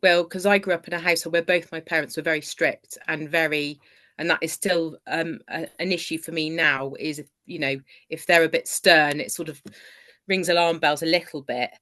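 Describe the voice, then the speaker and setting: A woman's voice: deep voice, fairly even intonation, moderate pace, pushed and bright. A woman who works as a coach, sharing her experience on a group call in an earnest, hesitant way, with fillers and restarts. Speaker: coach and book club member. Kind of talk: casual group video call.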